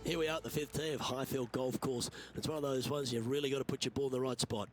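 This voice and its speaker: A man's voice: mid-range voice, fairly even intonation, fast talker, music in the background. A man working as lead golf commentator in a video game, giving brief, upbeat calls on each shot. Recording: clear background noise and ambience.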